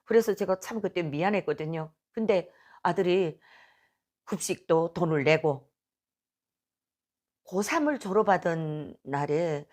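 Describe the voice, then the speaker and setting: A woman's voice: low-pitched, a little mellow. A middle-aged woman from North Korea with a North Korean accent, telling her personal faith testimony in an earnest, emotional storytelling way. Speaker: testimony speaker.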